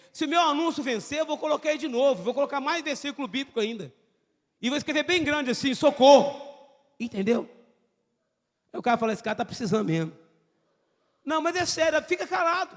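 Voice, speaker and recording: A man with a Brazilian accent preaches a Pentecostal sermon, his voice pitched very high for a man. He pushes into shouts and keeps calling out amen to the congregation. The sound carries a long church hall reverb. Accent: Brazilian Portuguese. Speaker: pastor.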